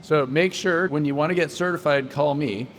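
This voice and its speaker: A man's voice: fairly high pitch, moderate pace, slight background noise. Upbeat joking podcast host man. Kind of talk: casual interview. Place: solar trade conference.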